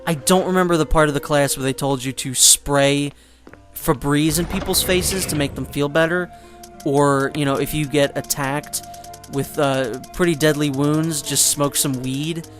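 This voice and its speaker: A man's voice: fairly high pitch, steady tone, a little slow, faint music behind. A man giving casual gameplay commentary, rambling with joking asides and fillers. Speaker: let's play commentator.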